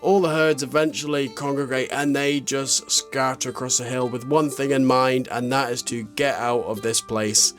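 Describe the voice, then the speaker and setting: Guitar music plays clearly behind a man's voice-over. He tells the story in the first person as a vlog narrator, at a medium pitch. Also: fairly even intonation, normal speed, hardly any pauses.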